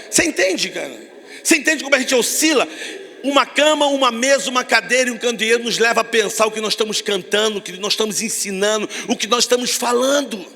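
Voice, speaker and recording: Man, Brazilian accent, husky, fiery preaching, long hall reverb. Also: high voice, pushed and bright. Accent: Brazilian Portuguese. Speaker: youth preacher. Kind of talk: lively evangelical sermon.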